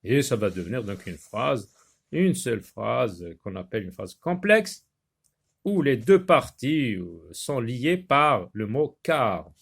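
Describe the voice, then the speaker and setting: A man teaching a grammar lesson, patiently explaining exercises with many pauses and fillers. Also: very animated, vocal fry, breathy edge. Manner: slow, patient, with many fillers and restarts, raises pitch reading example sentences. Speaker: primary school teacher.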